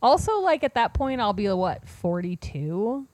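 A woman's voice: medium pitch, very animated, a little slow, a little mellow, dry recording. A woman in her forties chatting casually on a podcast, blunt and sweary. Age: 40s. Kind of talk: casual chat.

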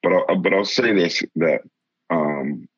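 A man from the area, telling a story in casual conversation, halting with many restarts and laughing now and then. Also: sits low, husky, no room sound. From Boston area, Massachusetts. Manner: laughs while telling stories. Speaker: interviewee. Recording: dull lo-fi sound.

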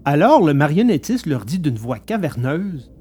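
Man narrator, storybook reading, animated, lively pitch. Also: normal speed, breathy edge, soft background music.

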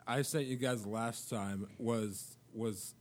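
A man's voice: fairly low pitch, fairly even intonation, slow pace. A man giving a casual interview as a guest author, hesitant and stammering as they restart words. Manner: self-described geek.

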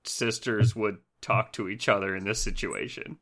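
A man's voice: lowish voice, moderate pace. A man co-hosting a podcast, mocking the movie in casual chat. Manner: animated, mocking. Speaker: podcast co-host.

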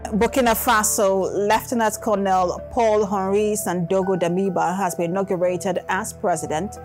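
A woman presenting a news bulletin in a crisp, formal broadcast style. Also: mid-range voice, steady tone, moderate pace, soft background music.

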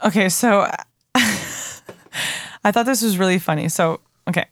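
A woman's voice: medium pitch, moderate pace, no echo, clean studio sound. A woman co-hosting a podcast in casual chat, laughing often and hesitating as she thinks aloud. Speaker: podcast co-host.

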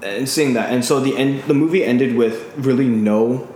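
Moderately paced and a little mellow, this medium-pitched man co-hosts a casual podcast. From California, he goes on at length retelling a film, filled with ums and restarts, recorded in a very echoey room with faint noise.

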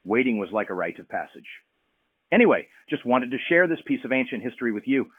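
A man's voice: medium pitch, big pitch swings, fast, husky, no room sound, narrow, tinny audio. A man voicing a sarcastic male clone who is lost in the modern world, heard as an answering machine message over a landline phone. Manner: sarcastic, nostalgic.

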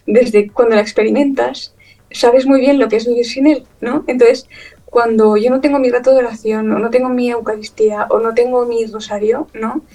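A woman from Chile, a guest in an interview, telling her story in an emotional, animated way, full of fillers and quick laughs. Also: fairly high pitch, far from the mic, low-quality recording. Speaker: guest, illustrator. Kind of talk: conversational interview.

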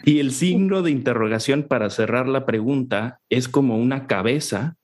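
A man's voice: medium pitch, normal speed. A man, co-hosting a reflective conversation and explaining his ideas at length. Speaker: podcast co-host.

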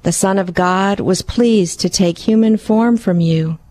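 A woman's voice: medium pitch, a little slow, a little mellow. A woman who is a guest in a radio studio, speaking carefully and with some fillers. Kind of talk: radio interview and read prayer.

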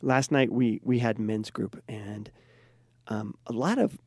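Animated male couples therapist, dry sound. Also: lowish voice, slow, breathy edge, dry recording. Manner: lively storyteller who acts out quoted people. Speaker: couples therapist and podcast host. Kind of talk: casual conversation, telling a client story.

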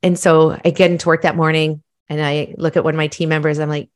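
A middle-aged woman from Malawi, a podcast guest, telling her own story in a casual, animated, self-reflective way. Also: sits low, quick pace.

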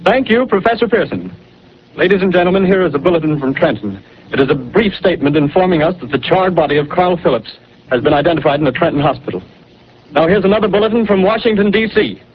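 A 1930s studio announcer with an old newsreel delivery, high, rapid voice, faint hiss under it. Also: male voice, animated. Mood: urgent. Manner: formal, crisp bulletin-reading. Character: brisk male radio studio announcer. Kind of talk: 1930s radio drama announcing. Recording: muffled 1930s radio broadcast with faint hiss.

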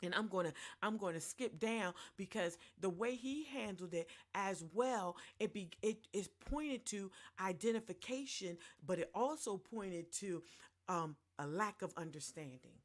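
A woman's voice: mid-range voice, lively intonation, measured pace. A woman preaching a sermon, repeating her phrases for emphasis and turning playfully sarcastic at times.

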